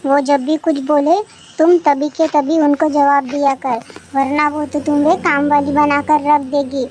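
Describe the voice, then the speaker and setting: A woman's voice: high-pitched, little pitch movement, measured pace, darkish tone, slight background noise. A woman voicing a bossy, meddling mother of the bride. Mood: scheming. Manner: bossy, scheming.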